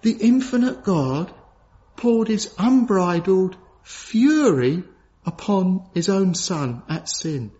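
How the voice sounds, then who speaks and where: Male preacher with a high voice, earnest and solemn, urgent questions dropping to hushed gravity, dull lo-fi recording. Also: very animated, slow pace. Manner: earnest, solemn, repeats key phrases for emphasis. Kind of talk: sermon. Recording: dull lo-fi sound.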